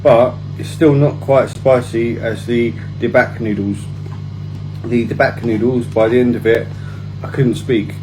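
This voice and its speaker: A man with a mid-pitched voice chats casually to his viewers as he tastes spicy food. He speaks in short, halting phrases with pauses between them, and music plays clearly behind him. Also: fairly even intonation, rough recording. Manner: halting, pausing between phrases while eating spicy noodles. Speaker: food challenge vlogger. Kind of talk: casual vlog chat while tasting food.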